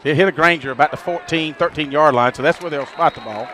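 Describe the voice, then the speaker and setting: A man adds chatty, rambling analysis of the play, his voice a bit high. Faint outdoor noise sits behind him. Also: quick pace, pushed and bright, a faint crowd, low-quality recording. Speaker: color commentator. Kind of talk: radio football commentary. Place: high school football stadium press box.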